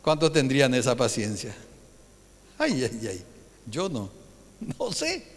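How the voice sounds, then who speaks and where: A man preaching a Sunday sermon as pastor, animated and keeps putting rhetorical questions to his congregation. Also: mid-range voice, takes it slowly, in a large hall. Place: church hall.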